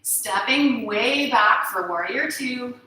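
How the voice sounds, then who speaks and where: A woman yoga instructor guiding a class through poses, giving calm, encouraging cues and often checking in with "right?". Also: a little high, slow pace, a little hiss or hum. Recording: very echoey room.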